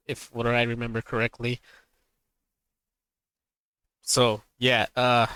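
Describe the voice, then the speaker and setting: A man's voice: mid-range voice, fairly bright tone, dry recording, rough recording. A man streaming live, chatting casually as he reacts to a video, rambling and laughing, with emphatic warnings.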